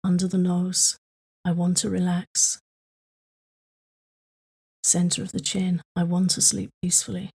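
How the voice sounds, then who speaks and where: A woman leading a guided tapping meditation for sleep, speaking in slow, soothing, repetitive prompts. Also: lowish voice, completely flat delivery, dark tone, husky.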